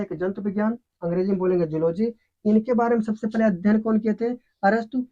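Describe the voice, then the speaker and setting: This is a teacher giving a science lesson at a middle pitch. The teacher asks the class a question, pauses, then answers it and repeats the key word. The recording is dull and lo-fi. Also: dark tone.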